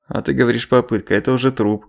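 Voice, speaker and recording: A man reading an audiobook, voicing a gruff, sardonic middle-aged official woken in the night. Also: mid-range voice, fairly even intonation, fast, lightly acted.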